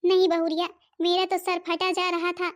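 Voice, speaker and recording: A woman's voice: very high-pitched, completely flat delivery, normal speed. A woman voicing a fretful, self-pitying old mother-in-law in a cartoon, complaining plaintively. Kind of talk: Hindi cartoon voice acting.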